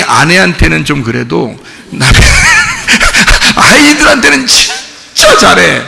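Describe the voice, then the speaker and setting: A male pastor preaching a Sunday sermon with lively storytelling, acting out children and fathers in quoted voices. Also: a little high, creaky, long reverb tail. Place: church sanctuary.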